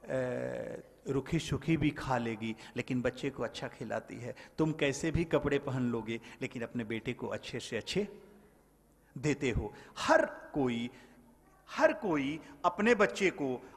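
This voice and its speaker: A man preaching a sermon as a spiritual teacher, swinging between loud exhortation and soft storytelling and calling listeners his brothers. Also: fairly high pitch. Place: large event hall. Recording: long hall reverb.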